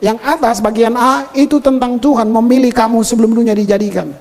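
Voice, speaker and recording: An older male pastor preaching a sermon and telling stories from his own life in an animated way, often turning to the congregation. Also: extremely high pitch, a little fast. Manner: animated storyteller, often addresses the congregation as brothers and sisters. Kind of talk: sermon with personal storytelling. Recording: long hall reverb.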